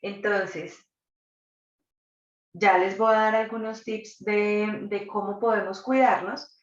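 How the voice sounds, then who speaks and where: A woman's voice: mid-range voice, fairly even intonation, takes it slowly. A woman, a psychologist and doula, leading a live online workshop and asking the audience reflective questions. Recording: distant, dull, roomy recording.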